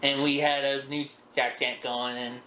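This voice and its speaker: A man's voice: mid-range voice, level tone, unhurried, bright, forceful tone. A middle-aged man hosting a podcast, chatting casually and reminiscing in a folksy, wry, self-deprecating way. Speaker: podcast host. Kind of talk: casual chat, reminiscing about wrestling. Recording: roomy echo with background noise.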